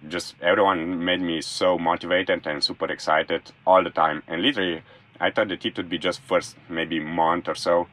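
A man's voice: low-pitched, steady tone, normal speed, fairly bright tone. A young man from Slovenia, a non-native speaker, talking enthusiastically as a guest in a casual interview from his van, often restarting his sentences. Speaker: guest, former college thrower. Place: small room in a camper van.

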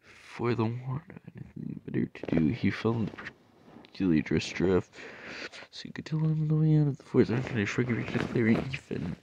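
A young man reading fan-made stories aloud, stumbling and halting with asides, over faint background noise. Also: medium pitch, lively intonation, mellow, muffled recording.

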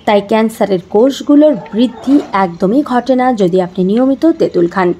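A woman, calmly explaining home remedies and speaking directly to the viewer in an instructional talk. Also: on the high side, a little fast. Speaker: health and beauty tips presenter.

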